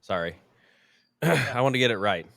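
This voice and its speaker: A man co-hosting a podcast in casual chat, goofy and crude, with loud outbursts. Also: fairly low pitch, lively intonation, measured pace, gravelly, no echo. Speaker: podcast co-host.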